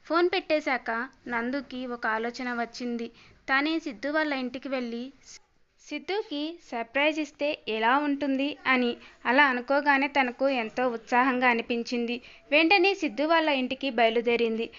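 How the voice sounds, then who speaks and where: A woman storyteller giving a steady, expressive scripted narration of a family story. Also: high voice, moderate pace, smooth. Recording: slightly dull lo-fi audio.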